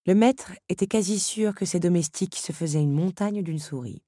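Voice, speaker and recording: A woman narrating a storybook in a calm, measured way. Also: lowish voice, breathy edge, dry recording, studio quality. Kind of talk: storybook reading.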